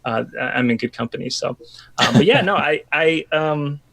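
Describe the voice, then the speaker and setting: A man's voice: a little high, animated, moderate pace, fairly bright tone. A man in his thirties from Washington state, a pastor chatting as a podcast guest in a reflective way, with many restarts. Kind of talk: casual podcast conversation.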